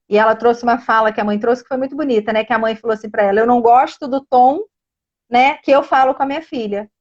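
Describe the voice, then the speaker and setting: In a casual live stream, a woman with a Brazilian Portuguese accent talks earnestly to her viewers as a child education coach. Her voice is a little high, and the audio sounds dull.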